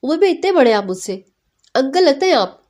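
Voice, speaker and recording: Woman reading as a defiant, shrill young bride. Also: sing-song, darkish tone. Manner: shrill, complaining outbursts.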